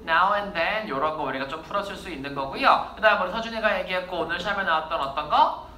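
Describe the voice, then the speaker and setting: Lady teacher drilling words with a class, brisk, roomy echo, bit of noise. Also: lowish voice, sharp tone. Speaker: English teacher. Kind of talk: classroom vocabulary lesson.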